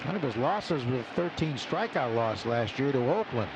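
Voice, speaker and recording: Loud stadium ambience fills this noisy outdoor radio broadcast as a male announcer does live baseball play-by-play from an open booth. He speaks at normal speed in a medium pitch, very animated, with lo-fi sound.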